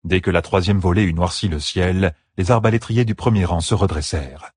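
A man narrating a fantasy battle audiobook with steady, dramatic storytelling. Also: deep voice, brisk, breathy edge, no echo, studio quality.

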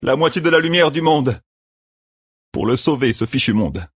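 A man voicing a desperate, defiant young male gambler who shouts heatedly. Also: medium pitch, animated, normal speed, husky, no room sound, clean studio sound, pitched above the performer's own voice.

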